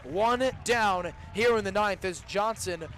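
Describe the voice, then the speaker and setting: In a high-pitched, slightly bright voice, a young adult man takes it slowly as he does live radio play-by-play of a baseball game. He works from a booth with an open window, and the live outdoor broadcast has background noise.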